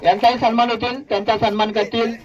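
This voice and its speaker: A man's voice: extremely high pitch, little pitch movement, muffled recording, noisy background. A man from Konkan working as announcer at a village cricket prize ceremony, formally reading out names one by one. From Konkan, India. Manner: reads names one by one in a formal, measured listing.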